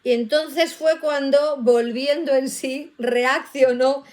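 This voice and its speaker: A woman with a bright, high-pitched voice leads a casual Bible study. She reads scripture in a lively way and acts out the voices in the verses. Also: takes it slowly.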